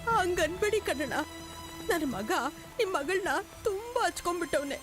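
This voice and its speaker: A worried, emotional village mother, pleading in in a high, swooping voice. She talks in an anxious, lamenting way. Loud film music plays behind her. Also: animated, moderate pace. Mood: humble. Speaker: mother of a grown son. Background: film score music.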